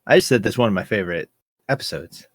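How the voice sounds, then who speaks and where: A man's voice: fairly low pitch, animated, fast, husky, dry recording. A man co-hosting a casual podcast, recapping scenes with dry joking asides. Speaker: podcast co-host recapping episodes. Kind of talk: casual chat.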